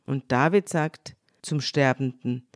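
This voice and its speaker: An older woman co-hosting a podcast, retelling a Bible story in lively conversation and voicing the quoted lines in her own voice. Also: rumbling low, slow pace, no room sound, clean studio sound. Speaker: podcast co-host.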